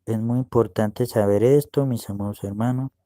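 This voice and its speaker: A man's voice: fairly low pitch, steady tone, dark tone, dry recording, studio quality. A man preaching and teaching Bible words to his listeners, walking them through a screen share and often asking if they can see. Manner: slow, explaining, asks "¿ve?" often.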